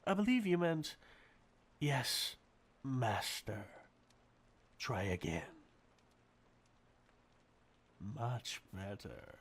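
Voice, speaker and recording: A man's voice: medium pitch, big pitch swings, slow, breathy edge, heavily acted. A man playing a sadistic, possessive centuries-old vampire master in an intimate ASMR roleplay, murmuring and whispering breathily with menacing condescension. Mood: possessive, soothing.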